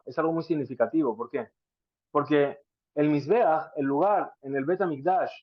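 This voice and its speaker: Male Talmud teacher, slightly high voice, questioning style, dry muffled recording. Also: no echo. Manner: rhetorical questions, explains Hebrew terms. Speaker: Torah teacher. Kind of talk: Talmud class lecture. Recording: dry, dull lo-fi sound.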